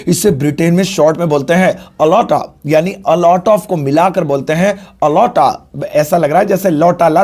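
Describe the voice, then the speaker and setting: A man teaching spoken English in Hindi, joking between points and slowing down to spell out the example sentences. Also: fairly high pitch, darkish tone.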